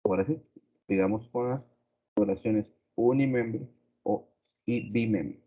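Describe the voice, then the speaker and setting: Husky man teaching grammar, tinny sound. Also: on the low side. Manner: slow, deliberate, repeats examples. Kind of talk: grammar lesson. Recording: tinny phone-like recording.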